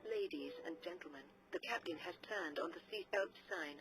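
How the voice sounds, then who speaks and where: A woman's voice: lowish voice, moderate pace, rough recording. A woman reading a scripted airline cabin announcement as a flight attendant, formal and polite.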